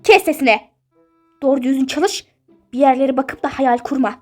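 A woman's voice: high-pitched, moderate pace, soft background music, lightly acted. A woman voicing a strict, nosy middle-aged mother in a toy-game role-play, scolding and suspicious.

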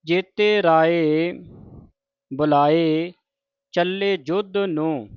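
Slow, clear-voiced man reciting scripture. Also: fairly high pitch, dry recording, muffled recording. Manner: measured, deliberate recitation with short explanations. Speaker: scripture pronunciation teacher.

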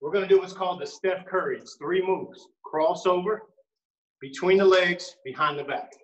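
A man's voice: high voice, normal speed, dull audio. A man coaching basketball dribbling drills, counting out reps and calling cues with encouragement. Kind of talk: home workout drill instruction. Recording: echoey room, mic far off, loud noise.

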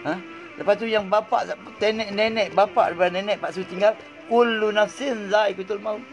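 Elderly Malaysian man, halting, music behind. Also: high-pitched, fairly even intonation. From Kedah, Malaysia. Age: 80s. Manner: halting, rambling, sprinkles Arabic phrases. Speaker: interviewee. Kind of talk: religious reflection. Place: small room indoors. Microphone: phone held close.

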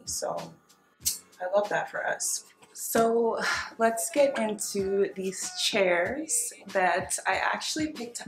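Gushing young woman in a roomy space. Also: mid-range voice. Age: young adult. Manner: gushing, enthusiastic about finds. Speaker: home decor vlogger. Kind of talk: casual chat to camera, home makeover reveal. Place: small dining room at home, indoors. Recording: roomy echo, faint music behind.

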